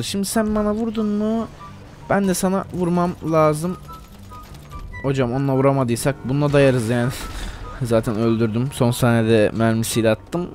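Man, gameplay host, joking and teasing, talks to viewers, faint music underneath. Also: medium pitch. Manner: playful and joking, addressing viewers as "gençler". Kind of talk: casual gameplay commentary.

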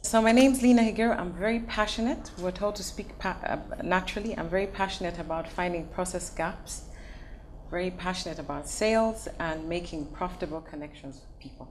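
Female bank executive, concise and brisk, slightly low voice. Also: slight background noise. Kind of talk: panel discussion. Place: indoor conference stage.

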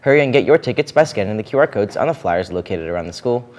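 A man's voice: on the low side, animated, quick pace, darkish tone. A teenage boy anchoring a school morning show, reading announcements. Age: teens. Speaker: student news anchor. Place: school studio, indoors.

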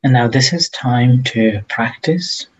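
Guiding listeners through meditation, this male teacher speaks softly and hesitantly, leaving long gaps between phrases. His voice is husky and breathy, mid-range in pitch, and the audio is dull.

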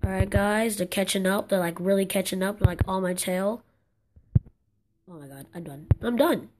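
Young woman gamer, exasperated live commentary, mid-pitched, light hiss and clicks behind. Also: steady tone, normal speed. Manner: frustrated, exclaiming, rambling with many restarts. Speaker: gaming channel host. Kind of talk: casual gameplay commentary.

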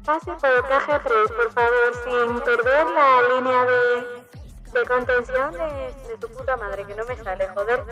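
A woman's voice: fairly high pitch, slow pace, music in the background, poor audio. A woman livestreamer doing cheeky, foul-mouthed comic chat.

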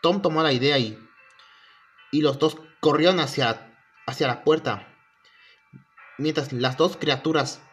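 A man retells a creepypasta in a casual, halting way, often restarting and chaining events with "and then". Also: mid-range voice, fairly bright tone. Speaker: storyteller. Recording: faint music behind.

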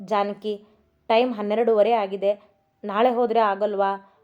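A woman's voice: mid-range voice, flat delivery, unhurried, natural voice. A woman voicing a young husband who gives short, offhand replies and teases his wife in a story reading. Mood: teasing. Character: young husband, curt and teasing. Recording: dull recording with soft music.

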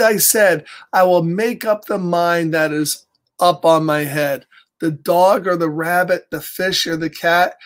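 A high-pitched middle-aged American man hosts story time for children, reading a picture book aloud in an animated, exaggerated way and chatting in asides. He records indoors in a small home office.

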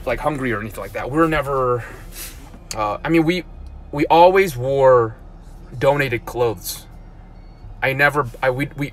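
Here the same kind of scene: a blogger in his thirties, raised in South Korea, chats casually on a live-stream while sitting in a parked car with his phone at arm's length. His pitch is mid-range for a man and a bit bright; he wanders, often halting to restart or repeat a word, with a faint hum behind him.

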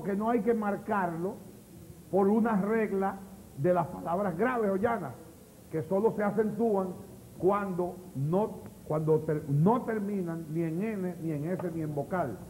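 A patient schoolteacher in a TV classroom sketch, drilling word after word for his class. His voice sits high but sounds dark and mellow, with faint hiss on the old TV recording. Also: measured pace, big-room sound, low-quality recording. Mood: explaining. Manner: drills words, explanatory. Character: patient male schoolteacher explaining grammar. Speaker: teacher.

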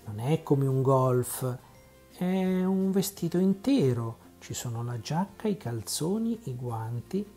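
A man's voice: medium pitch, animated, takes it slowly, soft background music. A man voicing a sly, plump woman knitter in a storybook reading, coaxing and confiding. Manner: coaxing, confiding, hushed at times.

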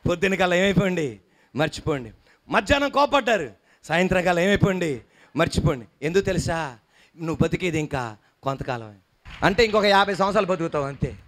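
This male pastor's voice sits high and fairly bright; he is expressive and fairly quick but pauses often. In a church hall he delivers an emphatic sermon, peppering the congregation with questions and coaxing them to respond, repeat and smile.

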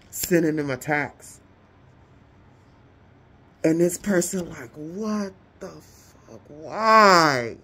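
A woman gives a casual tarot reading straight to her viewers. She talks slowly in a lowish voice. Her speech is slangy and full of exclamations. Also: a little mellow. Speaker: tarot reader.

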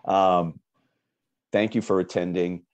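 A man's voice: low voice, measured pace, warm tone, dull audio. A man presenting products in a webinar, explaining conversationally with fillers over a video call.

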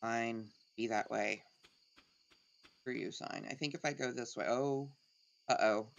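A woman's voice: a bass voice, fairly even intonation, measured pace, muffled recording. A middle-aged woman giving casual let's play commentary, thinking aloud as she plays.

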